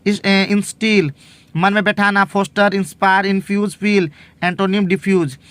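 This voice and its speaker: A man's voice: high-pitched, little pitch movement, normal speed, a bit bright, no room sound. A man tutoring vocabulary, reading out words, meanings and antonyms in a terse, list-like way with small fillers. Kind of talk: reading out word lists.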